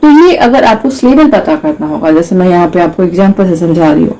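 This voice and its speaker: A woman's voice: on the low side, a little fast, dark tone, slight background noise, low-quality recording. A young woman teaching an English grammar lesson, mixing Hindi and English, explaining step by step and asking her students rhetorical questions.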